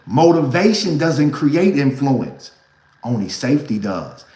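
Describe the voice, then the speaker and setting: Animated preachy man in an echoey room. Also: mid-range voice, a little slow. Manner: preachy, repeats "right?" and "good people"; casual slang, swings between loud and hushed. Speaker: motivational host. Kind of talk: motivational talk to camera.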